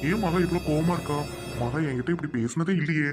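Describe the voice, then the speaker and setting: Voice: mid-range voice, fast talker, over music, natural voice. A performer playing a scheming, greedy middle-aged uncle who blusters and scorns his niece in an amateur drama skit. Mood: blustering.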